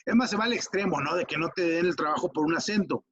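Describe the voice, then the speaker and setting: A man's voice: fairly high pitch, quick pace, a bit bright, highs cut off. A man with a Mexican Spanish accent explaining an exam-prep lesson in a casual, chatty way, checking often that the student follows. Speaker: teacher.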